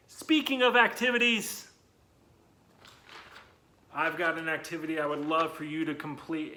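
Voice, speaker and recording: In a children's read-aloud and talk for young viewers, a man with a mid-range, bright, forceful voice reads to the kids and speaks straight to them. He's enthusiastic and encouraging, drawing out words to emphasize them.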